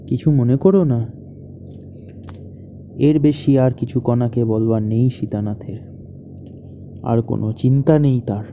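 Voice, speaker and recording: A man narrating a literary text in a slow, solemn, hushed manner. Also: mid-range voice, slight background noise. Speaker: reader.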